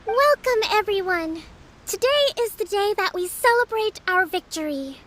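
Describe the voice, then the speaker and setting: A woman playing a gentle, earnest young female leader in a video game, speaking softly and politely in measured phrases. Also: very high-pitched, animated. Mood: solemn, rallying.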